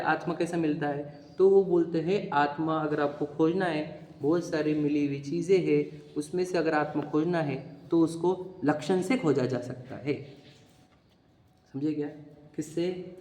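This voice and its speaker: Man teaching in an echoey hall. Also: on the high side. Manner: quizzing, keeps asking if students understood. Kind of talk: interactive religious philosophy class.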